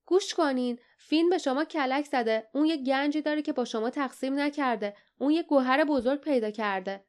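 A woman's voice: high voice, voice pushed up, close to an everyday voice. A woman doing an urgent young hero.

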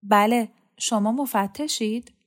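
A woman doing a shy earnest young girl, worried, high voice, storybook reading. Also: lightly acted. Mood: wary.

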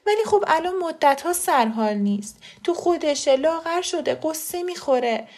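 A woman reader voicing a middle-aged aunt who is tearful and defensive, with a shrill pleading manner. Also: expressive, darkish tone. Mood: upset pleading.

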